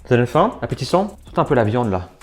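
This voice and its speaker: A man hosting a food video at home talks in a loose, chatty way, full of fillers, as he cooks and tastes dish after dish. His voice sits at a plain middle pitch, and he chews between short phrases. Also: big pitch swings, fast talker. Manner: chatty, filler-heavy, talks while tasting and eating. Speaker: food challenge video host. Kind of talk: casual food vlog commentary. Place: at home kitchen and dining table.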